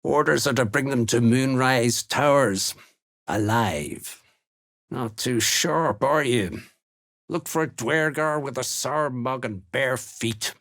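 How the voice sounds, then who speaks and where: In video game dialogue, a man voices a menacing, gruff Duergar slave hunter, a rough dwarf soldier and fantasy villain who speaks slowly and bluntly with folksy, rustic turns of phrase. His medium-pitched voice is a bit bright but gravelly, gruff, and raspy, sounding threatening, blunt, and scornful.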